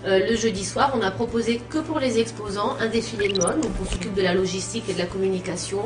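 A woman's voice: mid-range voice, fast talker. A woman in her thirties from an event company, giving casual advice in a small office, talking with many hesitations. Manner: relaxed, hesitant with many fillers. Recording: roomy, distant mic, background music.

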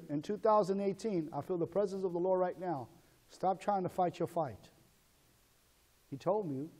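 A male pastor preaching a sermon in call-and-response style, swinging between shouted calls and low asides. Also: big-room sound.

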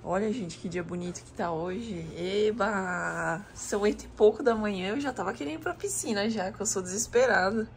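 This vlogger, a woman in her thirties, talks to camera from a hotel room in a chatty, exclamatory way, speaking straight to her viewers while holding the camera herself. She has a medium-pitched voice, keeps a normal speed with hardly any pauses, and there's slight background noise.

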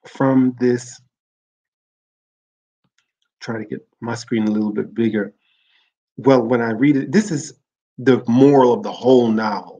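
A man with a lowish, darkish voice hosts a livestream, giving an earnest, reflective informal talk on literature with read-aloud excerpts. He often restarts phrases to correct himself, and the recording is rough.

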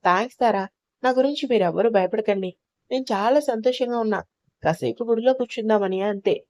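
A woman voicing a calm, protective young sister-in-law who talks in a steady, reassuring way in an audio story. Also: on the high side, fairly quick, dry recording, close to an everyday voice.

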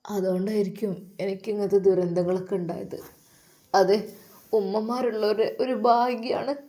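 A woman voicing a sorrowful young woman with a Malappuram Malayalam accent, who speaks softly and wistfully. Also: medium pitch, steady tone, normal speed, close to an everyday voice. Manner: soft, wistful. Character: sorrowful young woman missing her late mother.

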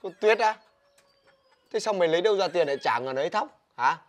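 A man's voice: high-pitched, expressive, fast. A man with a Northern Vietnamese accent playing an exasperated older brother who scolds his little sister in a village comedy sketch. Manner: scolding, exasperated, loud complaining.

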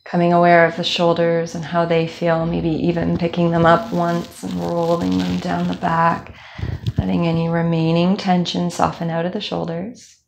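Young woman talking you thru a body scan, calm and slow, bit of fry. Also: lowish voice. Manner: calm, slow guiding with soft fillers. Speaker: movement instructor. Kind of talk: guided meditation.

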